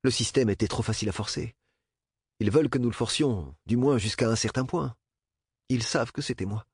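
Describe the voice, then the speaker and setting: A man's voice: mid-range voice, brisk, breathy edge, no room sound, studio quality, pitched above the performer's own voice. A man reading a clever wry boy. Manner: quiet, wry. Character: clever calm young boy cadet.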